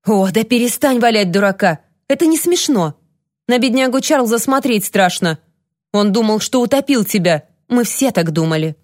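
A woman reading an audiobook voices a frightened, furious young woman who shouts and pleads near hysteria. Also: on the high side, expressive, moderate pace, no room sound, studio quality, natural voice. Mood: furious shouting.

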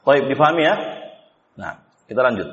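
A man's voice: medium pitch, very animated, normal speed, breathy edge. A man teaching Quran recitation rules in a class, explaining step by step, quizzing students with questions and sometimes chanting the examples. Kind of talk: classroom tajwid lesson. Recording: dull lo-fi class recording.

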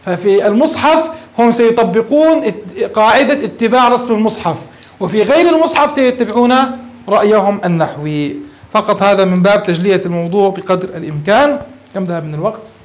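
Man, very high voice, quick delivery, grammar lecture, poses questions to students. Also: expressive. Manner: explains step by step, asks students questions and answers them. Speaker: teacher of Arabic grammar. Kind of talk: classroom lecture.

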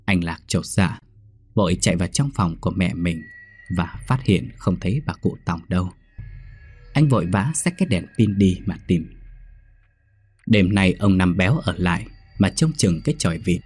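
A man reading a scripted horror story in a steady, measured way. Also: deep voice, slightly rough, soft background music.

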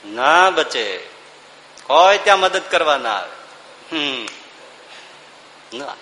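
A man's voice: a little high, very animated, takes it slowly, pushed and bright, roomy sound, in a large hall. A man giving a devotional discourse, speaking emphatically with rhetorical questions and breaking into sung verses.

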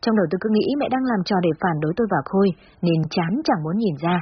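A woman's voice: mid-range voice, fast, muffled recording, slight background noise. A woman narrating a first-person story in a reflective, confiding way.

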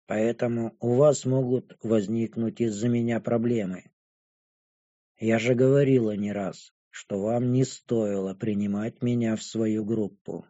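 A man voicing a gloomy, detached young dragon-woman who speaks flatly and slowly in an audiobook. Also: on the low side, highs cut off, pitched below the performer's own voice. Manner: flat, indifferent, hushed and slow. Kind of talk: audiobook character voice.

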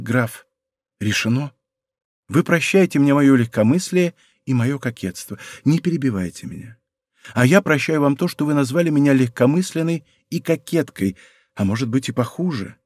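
Brief: male reader doing a proud young princess for an audiobook; quiet, composed, mid-pitched, close and dry. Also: breathy edge, no echo. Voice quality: soft, hushed. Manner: calm, deliberate and quietly firm. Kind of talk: audiobook character voice.

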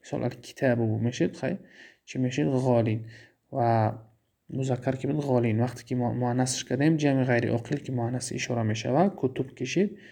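A man with a Tajik accent teaching an Arabic grammar lesson, asking himself questions and repeating key terms slowly. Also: mid-range voice, gravelly, dark tone.

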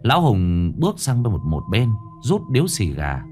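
A man with a low voice narrates a dark crime story in a grave, dramatic tone. His pitch rises and falls widely, and faint music hums underneath. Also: huge pitch swings, moderate pace.

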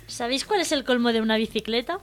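A woman's voice: a little high, quick pace, music in the background. A woman co-hosting a radio comedy show, telling short riddles and jokes in a playful way.

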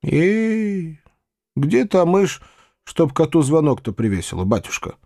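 Humble old peasant men, as a male reader acts them out, pleading in slow, stretched, beseeching words. Their voices ride high and lively, recorded close and dry. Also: creaky, dry recording, exaggerated voice. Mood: plain-spoken. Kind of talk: audiobook character voice.

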